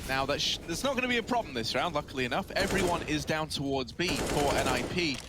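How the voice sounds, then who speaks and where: A man giving enthusiastic color commentary on an esports match, breaking into shouts on big plays. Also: expressive, quick pace, background noise. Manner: enthusiastic, shouting and laughing on highlights.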